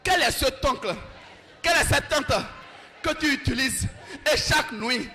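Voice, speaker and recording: Fervently repeating short commands again and again, a male pastor leads a shouted deliverance prayer in an extremely high-pitched, unhurried voice. A faint crowd can be heard, along with a little hiss or hum.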